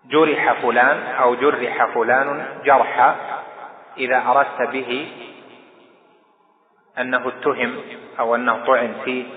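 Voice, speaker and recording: A man teaching a lesson on a hadith, explaining terms slowly and deliberately with drawn-out pauses. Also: medium pitch, level tone. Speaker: Islamic scholar teaching hadith. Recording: tinny, echoey old lecture recording.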